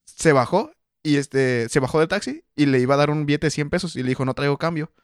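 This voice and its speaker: A man's voice: fairly high pitch, expressive, fast, no room sound, studio quality. A young man co-hosting a podcast, telling a rambling anecdote with fillers. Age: young adult. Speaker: podcast co-host. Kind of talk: casual storytelling chat.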